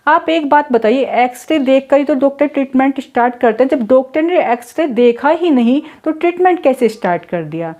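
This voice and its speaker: High-voiced indignant woman vlogger. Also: animated, brisk, few pauses, a little mellow, lo-fi sound. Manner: indignant, rhetorical, addresses viewers directly. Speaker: vlogger, mother. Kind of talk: casual storytelling to camera.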